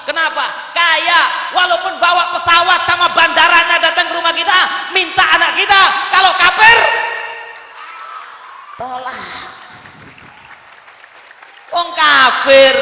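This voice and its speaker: A man delivers a sermon in a very high, piercing voice that rings bright and sharp. He is emphatic and humorous, and he breaks into shouts. The voice carries through a hall with a long, echoing reverb. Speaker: preacher.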